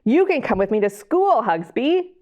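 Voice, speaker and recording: A library storytime host and reader, a woman with a fairly high voice, reads a picture book to young children in an animated style, adding chatty questions and asides for her listeners. She moves at a moderate pace, and the audio sounds dull.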